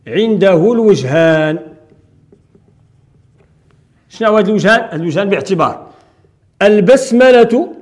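A man with a Moroccan accent teaching Quran recitation rules in a classroom lecture, explaining step by step and answering his own questions. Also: high voice.

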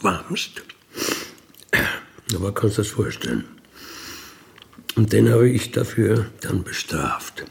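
A middle-aged or older man with an Austrian accent, an ex-convict being interviewed, tells his life story with candor. His voice sits fairly low and creaky, very animated yet slow, with frequent pauses. He recalls his past in a colloquial, matter-of-fact way, without apology.

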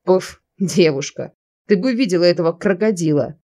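A woman's voice: on the low side, lively intonation, normal speed. Woman reading as a drunk angry young man. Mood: bitter mocking. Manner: slurred, shouting, bitter.

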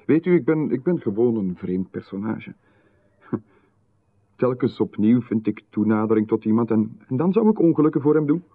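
This actor, medium-pitched with lively intonation at a moderate pace, portrays an ingratiating, too-familiar stranger who presses insistently, stumbling into restarts and chuckling. It's 1990s radio drama heard through a lo-fi, phone-like broadcast.

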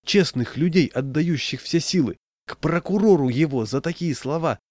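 A man voicing an idealistic, hot-tempered father who shouts indignantly, recorded dry and close. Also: mid-range voice, a little fast, no echo, close to an everyday voice.

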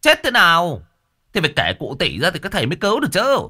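Narrator as a brusque, rude man snapping at a visitor, raised and quick. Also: sits high, wildly swooping pitch, bright, forceful tone, pitched above the performer's own voice, heavily acted. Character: limping brash male fortune-teller, rude.

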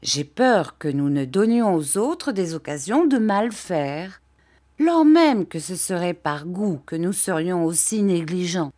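A woman voicing a patient young husband who pleads gently and earnestly in an audiobook reading. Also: lowish voice, animated, takes it slowly.

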